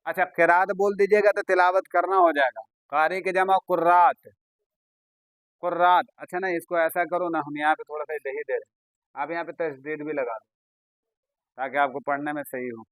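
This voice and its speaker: A man's voice: fairly high pitch, steady tone, fairly bright tone, no echo, low-quality recording. A man with an Urdu accent teaching a classroom grammar lesson, repeating points and questioning his students. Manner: repetitive, questioning students, drawn-out explaining.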